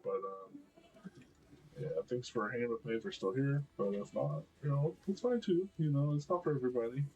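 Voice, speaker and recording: A man with a deep, low voice giving casual gameplay commentary, talking quietly and mumbling as he thinks aloud. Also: brisk, husky, highs cut off.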